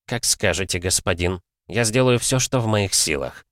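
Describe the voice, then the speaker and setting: A man's voice: on the low side, lively intonation, normal speed, fairly bright tone, no echo. A man voicing a loyal, deferential young battle mage.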